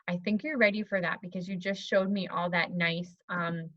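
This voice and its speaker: A woman teacher demonstrating a phonics lesson to an imagined student, encouraging and modeling words slowly. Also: fairly low pitch, fairly even intonation, fairly bright tone, no room sound. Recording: slightly dull, dry recording.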